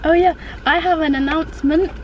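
Filmed on a camera propped on the dashboard, a young adult British vlogger talks informally inside her car, rambling and quickly flustered. Her voice sits high with fairly even intonation and a brisk pace, and the rough recording carries car and road noise behind her.

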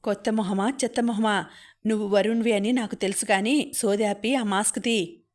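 Woman reading as a feisty rich girl, scornful, cutting, storybook heroine, mid pitch. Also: steady tone, moderate pace, close to an everyday voice. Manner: scornful, threatening. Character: feisty rich young woman, sharp-tongued.

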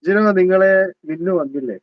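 A man's voice: on the high side, fairly quick, no room sound. Teasing Malabar-accented man on a lo-fi livestream. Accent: Malabar Malayalam. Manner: chatty, teasing, greets viewers by name. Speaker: livestream host. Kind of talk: casual live chat reading comments. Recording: dull lo-fi dry sound.

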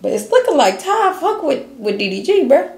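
A woman's voice: high-pitched, sing-song, brisk, a little mellow. A woman in her forties hosting a casual reaction chat, blunt and slangy, teasing her guests. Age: 40s. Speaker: host. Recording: echoey room.

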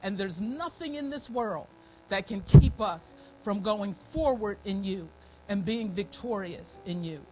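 Speaking unhurriedly in a medium-pitched, dark-toned voice with lively intonation, this middle-aged American church elder gives an informal sermon full of personal testimony and prayer. She is folksy and devout, saying her thanks again and again, and her throat sounds a little dry and scratchy. She stands at a pulpit in a church meeting room, captured on a noisy live church stream.

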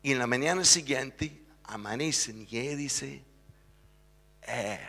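A man's voice: medium pitch, moderate pace, big-room sound. A male pastor telling a story in a church sermon, acting out the voices as he goes. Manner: lively storytelling, acts out the voices. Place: church sanctuary.

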